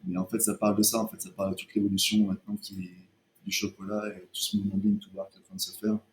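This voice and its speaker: A man's voice: sits low, completely flat delivery, fast talker, slight background noise. A man, co-founder of a chocolate brand, talking casually as a guest in an interview, hesitant and full of restarts. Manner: hesitant, many restarts and fillers.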